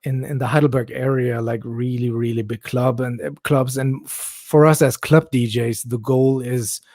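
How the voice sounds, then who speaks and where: A man's voice: mid-range voice, normal speed, dry recording. Man in his forties, dry sound. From Germany. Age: 40s. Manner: relaxed storytelling, laughs often. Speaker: guest DJ. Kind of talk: casual chat.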